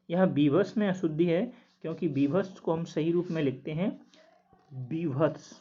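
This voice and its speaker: A man working through quiz answers as a teacher, steadily repeating each word slowly to explain it. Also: fairly high pitch, darkish tone. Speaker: Hindi test teacher. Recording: dull lo-fi recording.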